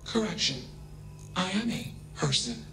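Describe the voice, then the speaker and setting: Emotionless AI probe, mechanical and monotone, slow deliberate delivery with a gravelly fry. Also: male voice, a little high, heavily acted. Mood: flat, mechanical. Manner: monotone, mechanical, prefixes each statement with a label. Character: flat emotionless AI probe, speaks in labeled clipped statements. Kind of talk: video game dialogue. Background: game music.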